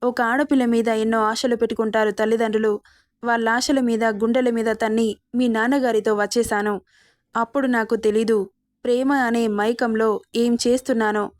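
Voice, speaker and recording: A woman's voice: on the high side, a little mellow, no room sound, studio quality, lightly acted. A woman reading the lines of a mother sharply reproaching her grown son in an audio story.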